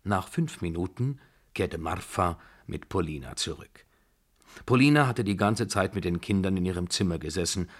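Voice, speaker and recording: A man narrating a novel for radio in a steady, calm storytelling manner. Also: low voice, normal speed.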